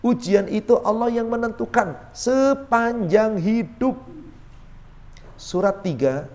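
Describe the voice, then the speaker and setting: A man preaching to a women's study group in a small prayer room, asking them questions and chanting Quranic verses slowly. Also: a little high, darkish tone, highs cut off. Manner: asks the audience questions and answers them. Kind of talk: sermon.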